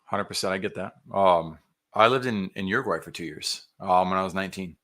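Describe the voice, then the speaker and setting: A man's voice: low-pitched, brisk, bright, forceful tone. A man hosting a podcast interview, enthusiastic and encouraging in a casual way. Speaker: podcast host.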